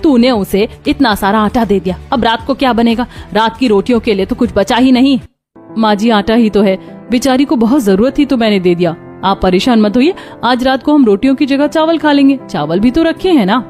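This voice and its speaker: A woman's voice: a little high, fairly quick, darkish tone. A woman voicing all the female roles in a Hindi cartoon story, from mother-in-law to daughter-in-law to the neighbors, in one voice. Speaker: voice actor for all female characters. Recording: faint background music.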